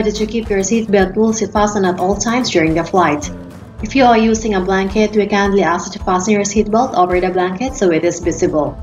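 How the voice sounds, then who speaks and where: A woman's voice: mid-range voice, lo-fi sound. A woman with a Filipino accent reading cabin announcements aloud as a flight attendant, in a formal, polite scripted style. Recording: roomy echo, background music. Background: faint to clear music.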